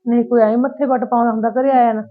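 A woman's voice: fairly high pitch, fairly even intonation, rapid-fire, natural voice. A woman playing a married daughter who visits her parents' home, aggrieved and emotional, with a Punjabi accent. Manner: complaining, hurt and emotional. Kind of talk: village short-film acting. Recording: tinny phone-like sound.

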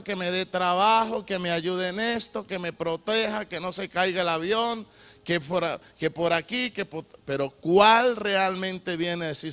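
A middle-aged male preacher with a bright, forceful voice that sits a little high. He swings between fervent shouts and hushed, confessional passages. Faint music runs underneath. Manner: emotional preaching, swings from loud shouts to low confessional tones. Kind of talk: sermon.

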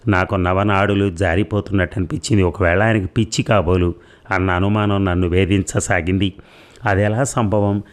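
A man narrating a first-person audio story with a measured, steady reading. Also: low voice.

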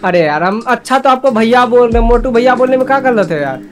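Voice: mid-range voice, animated, fast. A cheeky player teasing the streamer over voice chat during a game. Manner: cheeky, mocking, playful. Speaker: opponent player on call. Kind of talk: casual banter while gaming. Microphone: headset on voice call. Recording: game music behind.

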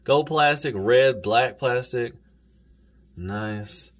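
A man's voice: mid-range voice, extremely slow. Easygoing Southern man reviewing toys. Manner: easygoing, rambling, says "golly" and "y'all". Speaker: toy reviewer. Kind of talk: casual toy review.

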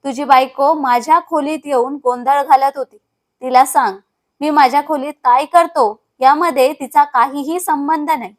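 A woman's voice: high-pitched, steady tone, normal speed, natural voice. A woman reading a harsh, scornful old father-in-law. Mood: shouting. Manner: barking, scornful. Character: harsh older male household tyrant.

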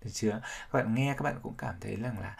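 Low-voiced guy teaching vocab, walks through each sound, husky tone. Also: fast. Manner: explains sounds step by step, repeating words to drill them. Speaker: English teacher. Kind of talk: vocabulary pronunciation lesson.

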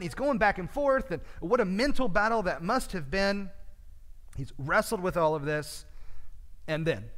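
A man's voice: high-pitched, a bit bright. A man teaching a midweek Bible study in a church, talking conversationally with frequent fillers, with a long reverb.

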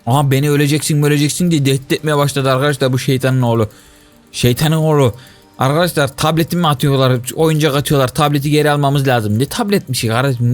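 A young man giving lively Let's Play commentary, talking to his viewers, complaining dramatically and shrieking and wailing whenever he fails. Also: a little high. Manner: excitable, shrieks and wails when he fails. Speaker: gaming YouTuber.

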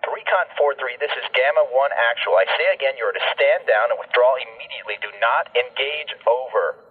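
A man voicing a gruff male military radio commander who gives terse, urgent orders in radio protocol over a walkie-talkie. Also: mid-range voice, fairly quick. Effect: heard over a military radio. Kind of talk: video game voice acting. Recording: narrow tinny radio line from a distance.

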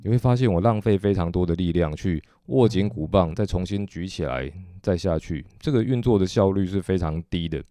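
A man with a Taiwanese Mandarin accent teaching drumming technique, explaining patiently and methodically with frequent soft "oh" fillers. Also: sits low, fairly quick, few pauses. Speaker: drum teacher. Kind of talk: instructional explanation.

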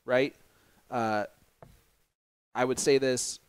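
Male stream host and sports commentator, American accent, average pitch, casual, joking banter. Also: fairly even intonation, extremely slow, clear, resonant tone. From Indiana, United States. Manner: joking, teasing.

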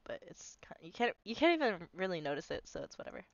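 A young woman, nasal from a cold, rambles through a casual screen-recorded walkthrough of her animation video, full of fillers and self-deprecation. Her mid-range voice is sing-song and fast, and the dry recording has its highs cut off.

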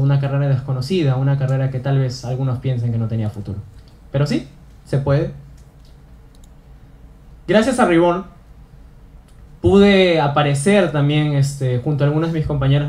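A young Peruvian man speaks earnestly as a student on an auditorium stage, delivering a motivational talk and repeating phrases to drive them home. His pitch is fairly high, with a dark tone.

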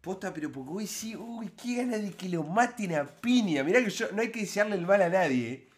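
A man's voice: sits high, animated, brisk. A man with an Argentine Spanish accent, a streamer giving indignant, colloquial commentary while reacting to a video. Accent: Argentine (Rioplatense) Spanish.

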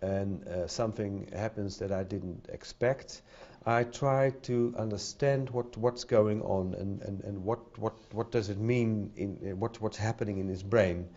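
Here a hesitant middle-aged Dutchman delivers a conference talk at the podium, leaning on fillers and repeating words as the audience listens. His fairly low, mellow voice moves a little slowly with few pauses. Through the podium microphone, the audio comes out dull and lo-fi.

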